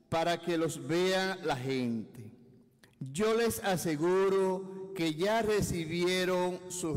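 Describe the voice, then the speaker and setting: A man reading the Gospel aloud as a priest at Mass, slow and solemn, his voice ringing in a cathedral echo. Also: fairly high pitch. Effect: long cathedral-like reverb. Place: large church. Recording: echoey church with long reverb.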